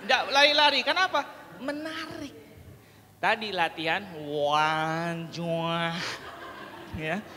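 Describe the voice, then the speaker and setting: A man teaching a public speaking workshop on telling stories to children, talking in an animated, playful way and breaking into acted storytelling. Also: sits high, slow pace, long pauses. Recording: long hall reverb, faint room noise.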